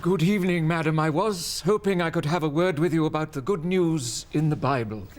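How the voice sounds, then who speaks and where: A man's voice: on the high side, a little fast, close to an everyday voice. An actor playing a polite, formal man calling at a door to preach in a sitcom. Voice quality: formal, courteous. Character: polite male doorstep preacher. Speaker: sitcom character. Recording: loud background noise.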